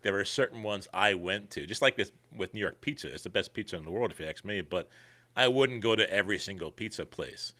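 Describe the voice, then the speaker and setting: A man co-hosting a podcast in casual chat, with animated, teasing banter. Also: on the low side, brisk. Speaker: podcast co-host.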